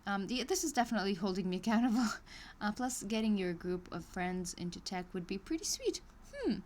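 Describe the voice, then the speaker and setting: An animated woman with a mid-range, darkish voice reads an online course briskly on a live stream, stopping for chatty asides and little laughs. She is hesitant, with frequent ums and restarts, and a little hiss or hum runs through the casual session.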